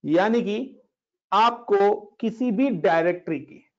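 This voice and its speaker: In this dull lo-fi recording, a man with a high voice speaks slowly as he runs a casual screen-share Linux class. He's chatty, walks students through each command step by step, and mixes English words into his speech.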